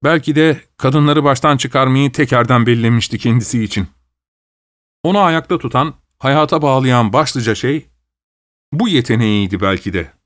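Man reading a story in a measured voice. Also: mid-range voice, dry recording, studio quality. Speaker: narrator. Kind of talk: audiobook reading of a novel.

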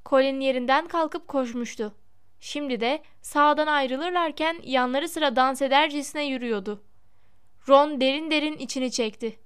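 A woman narrating a storybook in a measured, expressive reading. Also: high voice. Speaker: audiobook narrator.

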